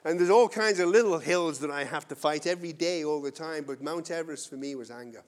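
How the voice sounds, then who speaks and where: Male pastor, high-pitched, earnest conversational sermon, big swings in volume. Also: fast talker. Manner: earnest, conversational preaching with wide swings in loudness.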